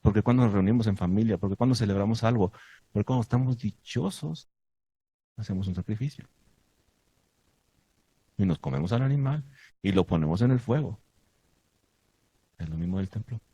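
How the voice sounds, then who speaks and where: A man giving a sermon to his congregation, asking the listeners many questions and stressing points with lively emphasis. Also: fairly low pitch, moderate pace, pauses often, husky, no room sound. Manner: asks the audience many questions. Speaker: teacher of a congregation.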